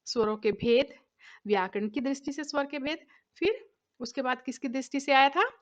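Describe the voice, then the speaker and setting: A woman's voice: high voice, moderate pace. A woman teacher giving a recorded grammar lesson, patiently asking questions and answering them herself.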